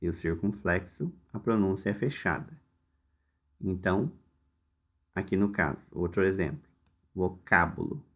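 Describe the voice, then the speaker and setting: A man with a Brazilian Portuguese accent teaching a recorded lesson, explaining exercises slowly and step by step, directly addressing his students. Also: deep voice. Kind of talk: recorded lesson walking through workbook exercises.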